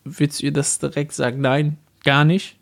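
A man co-hosting a casual debate talk show, telling animated stories and acting out the people he quotes. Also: fairly high pitch, moderate pace, creaky. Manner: animated storytelling, acts out quoted dialogue. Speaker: co-host, stand-up comedian.

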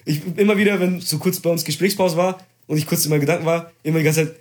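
A young man in casual chat, telling a story with excitement, slang and swearing. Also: fairly high pitch, rapid-fire.

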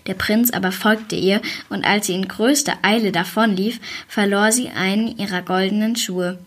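A woman reads a fairy tale aloud at a calm, even pace. Her voice sits at an ordinary middle pitch for a woman, and she keeps the storytelling steady. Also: normal speed, slightly rough.

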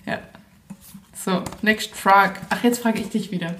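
This is a young woman in an easygoing podcast chat, her voice sitting at an ordinary middle pitch. She teases her co-host playfully and laughs readily between remarks. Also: a little slow, echoey room, slight background noise. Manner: teasing, playful, laughs often. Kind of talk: casual chat.

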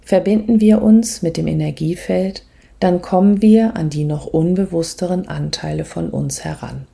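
Her lowish, husky voice turns breathy at the close of phrases as she guides a meditation. She is a gentle, measured spiritual coach who leaves pauses between her words.

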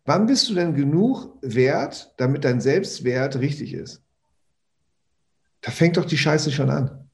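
A man's voice: on the high side, animated, takes it slowly, vocal fry. A man, a personal development trainer, talking animatedly in a casual podcast conversation, repeating words and swearing offhandedly.

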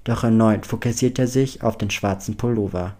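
A man narrating a story in a steady storytelling read. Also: fairly low pitch, moderate pace. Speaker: audiobook reader. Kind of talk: scripted narration.

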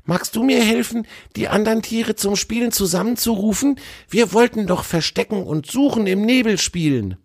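Squeaky young squirrel, very high voice, cheeky, excitable, storybook creature. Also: male voice, normal speed, few pauses, husky, heavily acted. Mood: cheerful. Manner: squeaky, grumbling, high and lively.

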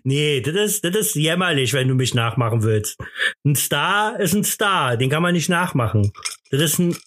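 Tipsy German podcast co-host, rowdy teasing banter, animated high delivery. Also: male voice, moderate pace, slight background noise. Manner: boisterous, laughs loudly, teasing. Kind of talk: casual comedic banter.

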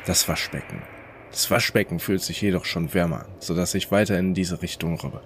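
A man narrating a first-person story in a calm, low-key inner-monologue manner. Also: a little fast, a little hiss or hum.

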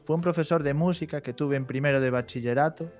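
Slightly hoarse Galician musician, relaxed. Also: male voice, a little high, fast talker, soft background music. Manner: relaxed, slangy storytelling. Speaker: musician guest. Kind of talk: casual interview chat.

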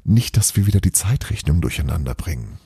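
A man voicing Santa Claus's calm, sensible wife who cautions in a measured way, in a storybook reading. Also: low-pitched, husky, no echo, studio quality, heavily acted. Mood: cautioning.

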